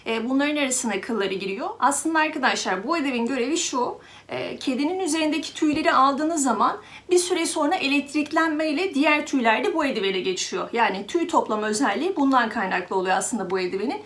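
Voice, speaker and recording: A woman with a high voice talks casually and warmly to her viewers, addressing them as friends. She explains a product at an easy, chatty pace and now and then coos to her cat. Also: lively intonation, quick pace, hardly any pauses. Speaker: pet vlogger.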